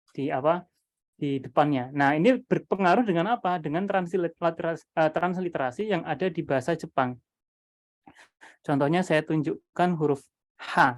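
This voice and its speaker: A man presenting his Quran reading method to teachers over a video call, thinking aloud with many fillers and restarts. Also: fairly high pitch.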